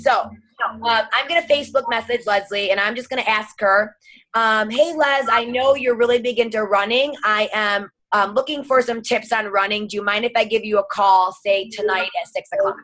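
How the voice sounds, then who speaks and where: On an online group call, a woman who trains a sales team runs an informal session, emphatic and instructive, coming back to her key points again and again. Her voice is a little high and somewhat bright, and the recording is rough.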